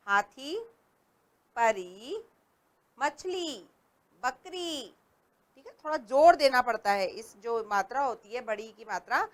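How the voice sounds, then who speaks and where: Slow, high-voiced woman teaching small children. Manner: slow, patient, stresses each word for little learners. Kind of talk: classroom lesson for young children.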